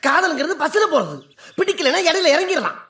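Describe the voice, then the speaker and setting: An actor playing a cheeky young sidekick who jokes about love and marriage. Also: male voice, very high voice, very animated, brisk, bright, forceful tone, exaggerated voice. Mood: teasing. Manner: playful, chuckling, teasing. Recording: echoey room, faint noise.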